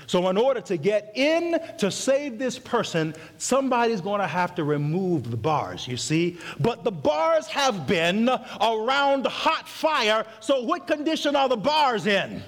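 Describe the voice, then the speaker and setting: Male pastor, slow and fervent sermon storyteller, loud then hushed, church hall echo. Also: high-pitched, very animated.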